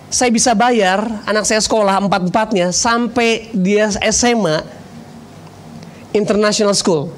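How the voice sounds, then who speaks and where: A man's voice: extremely high pitch, a little hiss or hum. A man in his thirties, a pastor preaching a sermon, telling a personal story with jokes and acting out conversations. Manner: storytelling, jokey, acts out dialogue.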